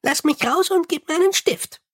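A man voicing a tiny, fussy, eager male imp with a high chirpy voice, in an audiobook reading. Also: normal speed, fairly bright tone. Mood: eager chirping.

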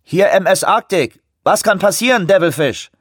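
A man's voice: high-pitched, lively intonation, moderate pace, breathy edge, no room sound, studio quality, voice pushed up. A man reading an audiobook, voicing a brusque, irritated cruise ship officer who answers over a two-way radio. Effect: heard over a two-way radio.

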